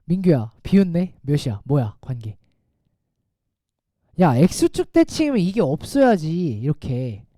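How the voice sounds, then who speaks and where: A man teaching a math class, talking casually and quizzing his students with quick rhetorical questions. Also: fairly high pitch, very animated, mellow, no echo, studio quality. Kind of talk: classroom lecture.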